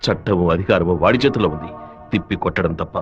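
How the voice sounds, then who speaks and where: A man plays a worried older father with a low voice and a grave, weary manner. He speaks quickly, and the dubbed audio is dull and lo-fi. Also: music in the background, close to an everyday voice. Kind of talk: dubbed film dialogue. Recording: dull lo-fi film soundtrack.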